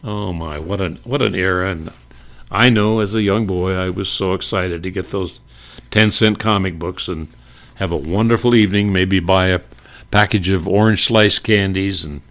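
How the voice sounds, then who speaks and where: An older man fondly reminiscing about old radio shows and comics, unhurried and warm in tone. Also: low voice. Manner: unhurried, fond, with fillers and restarts. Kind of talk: nostalgic reminiscing talk.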